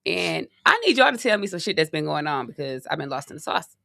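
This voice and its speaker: Brief: woman, 30s, talk-show co-host, low gravelly voice, playful and teasing, dry close sound. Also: sing-song, fast, no room sound. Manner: loud, playful, teasing, laughs often. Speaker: podcast co-host. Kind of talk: casual chat.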